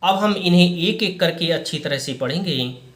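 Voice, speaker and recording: A man teaching Hindi grammar to students, slow and deliberate, repeating each point in a different way. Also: sits high, animated, roomy sound. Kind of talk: explaining a lesson to students.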